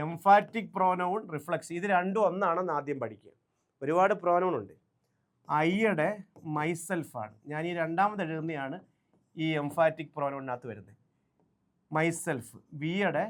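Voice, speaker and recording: Lively Malayali man teaching English grammar. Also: fairly high pitch. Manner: drills words aloud in lists, asks the class quick questions. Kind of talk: online exam-prep lesson.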